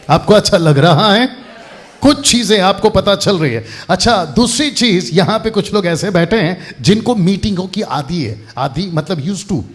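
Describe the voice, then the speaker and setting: A man preaches a lively sermon in a church hall. His voice sits fairly high and swings widely in pitch as he quizzes the congregation and hammers points home through repetition. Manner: animated, asks the crowd questions and repeats phrases for emphasis. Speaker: pastor.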